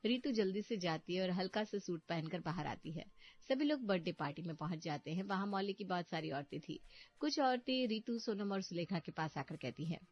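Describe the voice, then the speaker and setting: A woman giving scripted narration of a family story in an even storytelling manner. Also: lowish voice, a little fast. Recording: muffled, faint background music.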